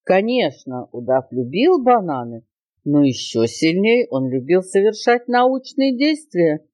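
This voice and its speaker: Expressive older woman reading a story. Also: lowish voice, unhurried, no echo, lo-fi sound. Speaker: grandmother reading to her grandson.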